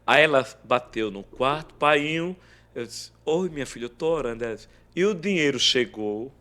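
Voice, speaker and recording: A man telling an emotional faith testimony as a podcast guest, acting out every quoted line of dialogue. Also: normal speed. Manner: animated, acts out quoted dialogue with big swings in pitch and loudness.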